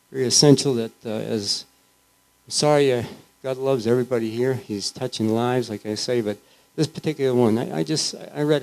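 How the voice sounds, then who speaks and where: A man giving an informal, earnest testimony in church, halting and restarting often as he speaks. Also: mid-range voice, warm tone, rough recording. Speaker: church member sharing.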